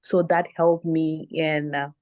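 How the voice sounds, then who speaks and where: A woman's voice: deep voice, level tone, slow, darkish tone, highs cut off. A woman from Zimbabwe whose first language is not English, answering interview questions in a hesitant conversational way, with frequent restarts. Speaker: panelist.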